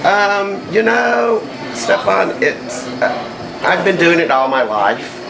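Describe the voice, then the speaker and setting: A man's voice: high-pitched, big pitch swings, takes it slowly, vocal fry. A middle-aged man speaking casually in an interview as a drag queen, with sassy, campy banter and dry teasing. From southern United States. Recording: very noisy room, loud background noise.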